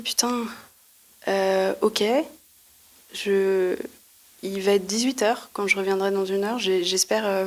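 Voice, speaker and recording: A young woman telling a funny personal story at a live podcast recording, in casual slangy speech, acting out what she thought back then. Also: mid-range voice. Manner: lively and slangy, acts out her own past thoughts. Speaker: guest storyteller.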